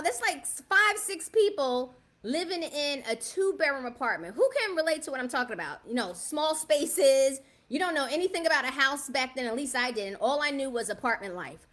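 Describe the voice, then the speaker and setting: This woman's voice is high with a fairly bright tone. Raised in the South Bronx, New York, and now in her fifties, she hosts a laid-back livestream, speaking right to her audience and frequently tossing in a chatty "right?"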